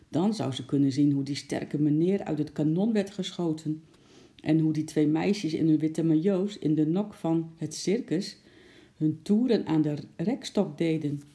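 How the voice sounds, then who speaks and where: A reader narrating a children's storybook aloud in a calm, even way. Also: mid-range voice, normal speed.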